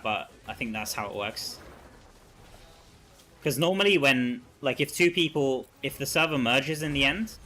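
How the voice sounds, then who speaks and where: A man's voice: medium pitch, bright, forceful tone. A man streaming a video game, chatting casually and thinking aloud as he answers his chat.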